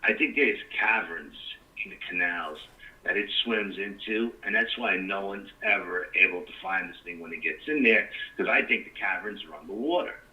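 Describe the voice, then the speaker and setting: A man's voice: low-pitched, normal speed, recorded from a distance, dull audio. A middle-aged man, a guest rambling through a story in casual talk with plenty of "you know". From New York.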